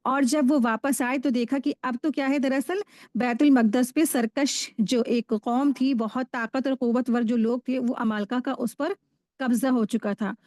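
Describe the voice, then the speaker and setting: A woman teaching a Quran study class, explaining verses and history in a steady, explanatory way with frequent restarts. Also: sits high, a little slow, no echo, clean studio sound. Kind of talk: religious lesson.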